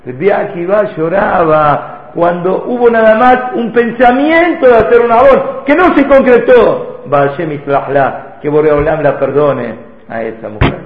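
Male teacher, high voice, storytelling lesson, thin phone-like sound. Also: measured pace, hardly any pauses. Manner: storytelling with rhetorical questions. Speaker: Torah teacher. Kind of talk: religious lesson to a live audience. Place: hall with an audience. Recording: echoey hall, phone-like lo-fi sound.

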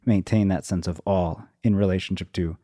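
A man in reflective, casual conversation, thinking aloud in a halting way and circling back to rephrase. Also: low-pitched, steady tone, warm tone, dry recording, studio quality.

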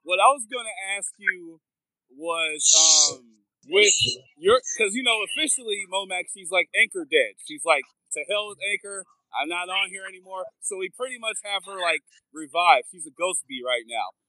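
A man's voice: sits high, expressive, moderate pace, bright, forceful tone, dry recording, poor audio. A man in his thirties co-hosting a casual podcast, playful and self-deprecating. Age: 30s. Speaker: podcast co-host.

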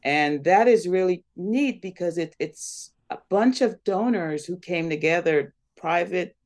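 A woman's voice: lowish voice, expressive, unhurried, a little mellow. A woman from Guyana, a community foundation CEO, talking earnestly as an interview guest. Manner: earnest, speaks of blessing and collaboration.

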